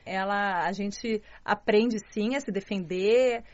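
A woman's voice: mid-range voice, slow, darkish tone. A woman with a Curitiba Brazilian accent, chatting as an interview guest and explaining things with frequent checking tag questions. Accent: Curitiba Brazilian Portuguese. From southern Brazil, Curitiba. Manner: explanatory, often seeks agreement with tag questions. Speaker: interview guest, journalist and martial arts student. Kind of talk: relaxed conversational interview. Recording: slightly dull, lo-fi interview recording.

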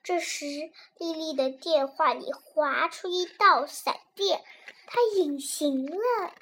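A woman reading a children's storybook aloud, with an animated, expressive delivery. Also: high-pitched, slow pace, a little hiss or hum.

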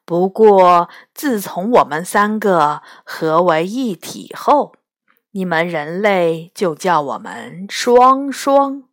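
A woman reading a children's story, voicing a gentle, weary beast head that speaks slowly and patiently. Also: on the low side, voice pushed down, exaggerated voice. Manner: slow, patient, sighing.

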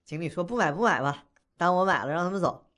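A man's voice: high-pitched, animated, quick pace, fairly bright tone. A young man telling a funny personal story in a casual, slangy, wisecracking way, chuckling as he goes.

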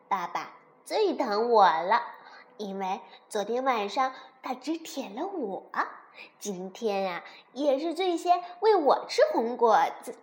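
Woman reader as boastful baby dinosaur: small, smug, drawn-out bragging, high-pitched. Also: big pitch swings. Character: boastful, smug little male baby ankylosaur.

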